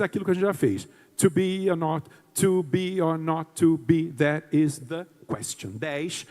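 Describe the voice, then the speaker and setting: A man's voice: on the high side, a little mellow, long reverb tail. A man giving a lecture-style talk to an audience, theatrical and emphatic, explaining terms step by step.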